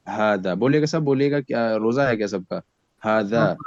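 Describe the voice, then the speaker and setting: A man teaching beginners Arabic in an online class, speaking with an Indian accent and patiently having students repeat words after him while fasting with a headache. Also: lowish voice, no echo. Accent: Indian Hindi-Urdu. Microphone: video call. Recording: dull lo-fi video call audio.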